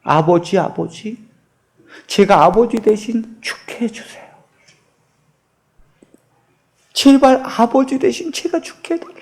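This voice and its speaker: A man voicing a devoted young daughter who pleads to die in her father's place, speaking softly. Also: very high voice, big pitch swings, moderate pace, exaggerated voice. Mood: pleading.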